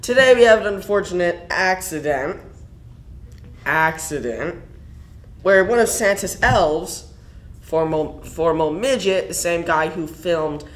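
Male mock-news host, unhurried, jokey and rambling. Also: a little high. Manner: jokey and rambling, stumbles over words. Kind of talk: comedic fake newscast.

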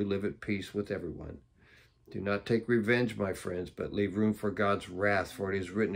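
A man reading Bible passages aloud for a daily devotion, breaking off now and then for plain, offhand comments. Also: fairly low pitch. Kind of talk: Bible reading with casual asides.

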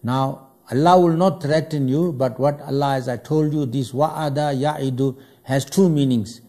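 A man teaches Arabic grammar with a mellow, warm voice at a middling pitch. He keeps repeating key words and poses questions to his listeners, then answers them himself. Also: unhurried. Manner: repetitive, asks and answers his own questions. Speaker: Quran teacher. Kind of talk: word-by-word Arabic grammar lesson.

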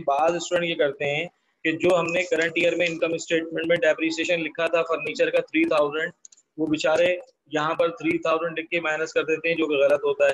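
Slow, patient man teaching accounting. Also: on the high side, low-quality recording. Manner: slow, explains step by step and quizzes students. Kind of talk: online accounting lesson.

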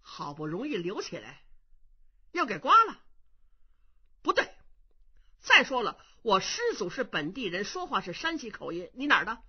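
A woman storyteller voicing a sharp-tongued, suspicious young male monk who shouts accusations. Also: medium pitch, big pitch swings, normal speed, pauses often, breathy edge. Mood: accusing. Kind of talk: traditional Chinese storytelling. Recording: dull lo-fi recording.

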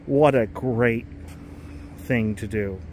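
Outdoors in a big stadium, a vlogger with a slow, slightly mellow mid-range voice films a casual walking tour. He talks enthusiastically and ramblingly, often correcting himself mid-sentence, over slight background noise.

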